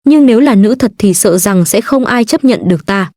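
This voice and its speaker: A calm young nobleman in disguise speaks softly and soothingly in a storybook reading, as a woman puts him on. The sound is dry and close. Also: medium pitch, normal speed, no echo. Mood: gentle. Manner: soft, soothing.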